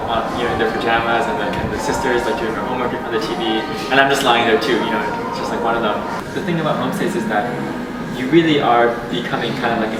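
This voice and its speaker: A man's voice: medium pitch, heavy background noise. A man in his twenties from Boston giving a rambling, casual testimonial full of fillers and restarts. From Boston, Massachusetts, USA. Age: 20s. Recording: echoey room from a distance, loud music.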